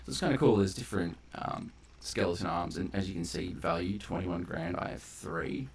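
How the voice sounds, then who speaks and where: At a moderate pace, a man with a low, husky voice provides relaxed commentary on his playthrough as a streamer. He rambles into digressions, explaining the game's mechanics in great detail without a script.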